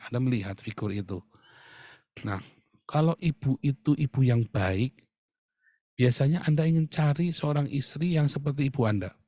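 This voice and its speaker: A man's voice: mid-range voice, mellow, dry recording, studio quality. A man preaching a sermon, often addressing the listeners directly and laughing as he talks. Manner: addresses the congregation as "Saudara" often, with humor and laughs. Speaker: pastor.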